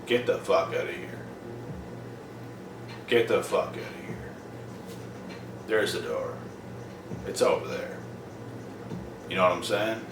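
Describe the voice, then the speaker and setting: This casual to-camera rant comes from a young Canadian vlogger from Prince Edward Island, swearing bluntly and repeating himself to drive points home. His voice sits low and slow with long pauses, captured off-mic in a roomy, noisy space.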